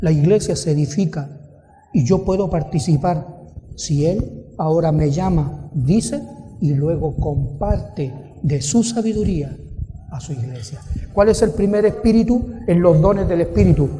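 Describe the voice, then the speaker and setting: A man with a high, mellow voice preaches a sermon, leaning on rhetorical questions to the congregation. His voice rings in an echoey hall with soft music underneath. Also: measured pace.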